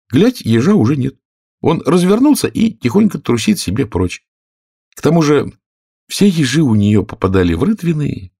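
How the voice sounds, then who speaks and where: Husky low-voiced male storyteller. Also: no echo, studio quality. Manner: expressive, lively storytelling. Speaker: audiobook narrator. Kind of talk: scripted storybook narration.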